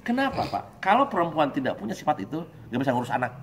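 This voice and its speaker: A man preaches at a religious study gathering. He talks in a lively, joking way and mimics husbands and wives. His voice sits a little high, with a faint room hum behind it. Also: fast talker.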